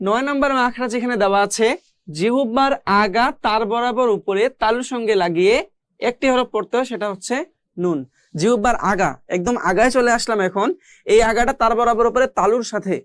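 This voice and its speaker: A man teaching how to pronounce Arabic letters, speaking slowly and patiently, repeating each sound several times. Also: high voice, dry recording. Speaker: Quran recitation teacher. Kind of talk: recorded pronunciation lesson.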